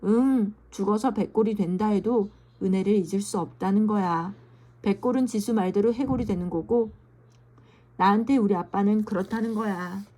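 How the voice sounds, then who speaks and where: A woman voicing an eager little schoolgirl who adores her dad, reading a children's storybook in an excitable, pleading way. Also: medium pitch, normal speed, natural voice. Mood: chatty.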